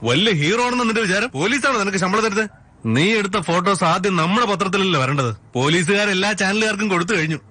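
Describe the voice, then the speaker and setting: A man in a dubbed film who plays a police officer and later an associate editor, talking in a brisk, scolding way. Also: high voice, no echo. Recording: film soundtrack with loud noise.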